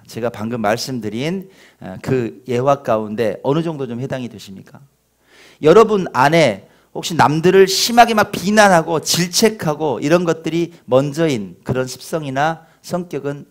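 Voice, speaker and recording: A middle-aged man preaching a sermon as a pastor, with lively questions to the congregation and touches of self-mocking humor. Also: mid-range voice. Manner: animated, acts out scolding parents in a shouting voice.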